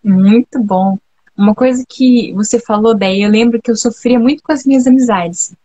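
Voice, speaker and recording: Husky chatty Brazilian woman host. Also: on the high side, moderate pace, warm tone, dull audio. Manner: chatty and reflective, full of "né?". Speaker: host of a live talk on temperaments. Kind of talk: casual live chat.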